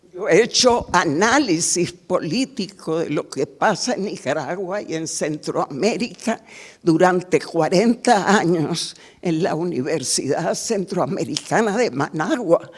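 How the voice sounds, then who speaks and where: Older woman from Cuba, guest author, husky voice, dry unhurried storytelling at a workshop talk. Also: lowish voice, animated. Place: university auditorium.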